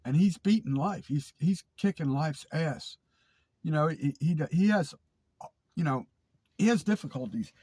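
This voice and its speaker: A man's voice: fairly high pitch, lively intonation, a little slow, a little mellow, breathy edge, no echo. A man with a stuffy, nasal voice, casually telling a story on his vlog, rambling and repeating words with lots of fillers. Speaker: vlog host.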